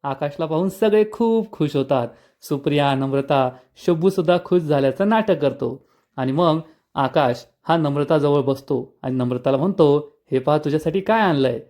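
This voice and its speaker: A man narrating a TV serial episode recap as a lively storyteller. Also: fairly high pitch, normal speed. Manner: lively storyteller voicing the characters.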